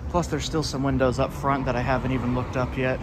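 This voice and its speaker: This vlogger talks fast in a mid-range voice with little pitch movement. Exploring the outside of a building on foot, he gives casual tour commentary laced with dry sarcasm aimed at himself, while cars go by in the outdoor city background.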